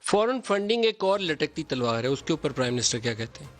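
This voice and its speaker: A man's voice: a little high, very animated, fairly bright tone. A man hosting a political talk show, delivering emphatic, declamatory commentary from a TV studio.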